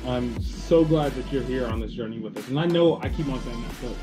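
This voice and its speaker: A man's voice: medium pitch, fairly quick, low-quality recording. Man talking to camera in his kitchen. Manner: chatty, relaxed, laughs at himself. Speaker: vlogger. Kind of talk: casual talk to camera. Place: home kitchen, indoors. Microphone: camera on a counter, close. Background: background music.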